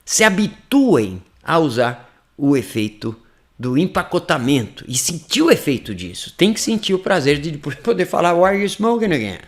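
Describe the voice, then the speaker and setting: A man's voice: a little high, big pitch swings, normal speed. A Brazilian man teaching English in a live online class, explaining in Portuguese and whispering sample phrases.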